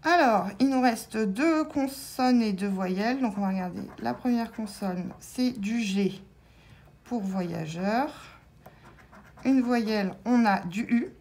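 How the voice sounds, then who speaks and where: A woman's voice: fairly high pitch, takes it slowly, darkish tone. A woman vlogger commenting casually and hesitantly as she scratches lottery tickets, spelling out letters with many fillers.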